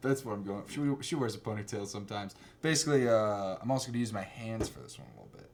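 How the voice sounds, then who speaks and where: A man's voice: fairly low pitch, lively intonation, quick pace. Rambling casual man reviewing movies. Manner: rambling, laughing, acts out scenes. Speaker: host.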